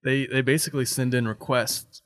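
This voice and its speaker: A man's voice: medium pitch, steady tone, normal speed, a bit bright, no echo, studio quality. A man co-hosting a talk show in an informal, conversational way. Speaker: podcast and radio co-host. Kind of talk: casual chat.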